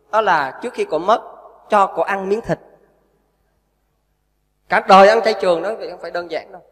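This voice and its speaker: A man's voice: sits high, big-room sound. A man, a Buddhist monk giving a storytelling sermon and acting out the people he quotes. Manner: storytelling, acts out quoted voices, animated.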